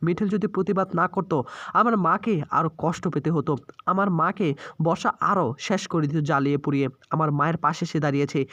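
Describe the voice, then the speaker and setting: Narrator playing an angry young man, scolding, high voice, muffled recording. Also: fairly bright tone, dry recording, close to an everyday voice. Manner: indignant, scolding. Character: angry young man defending his family.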